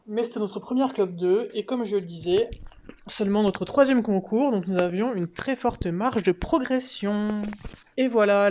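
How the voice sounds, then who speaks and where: A woman's voice: medium pitch, warm tone, slight background noise. A woman rider giving a voice-over on a dressage test, methodically listing scores, casual with fillers. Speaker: horse rider vlogger.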